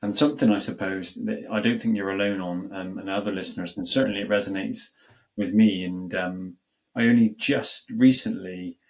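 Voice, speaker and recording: A man in his forties hosting a podcast, reflecting honestly and haltingly, with frequent pauses and fillers. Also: low-pitched, fairly even intonation. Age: 40s. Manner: hesitant, many fillers and restarts while reflecting. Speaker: podcast host. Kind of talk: reflective conversation.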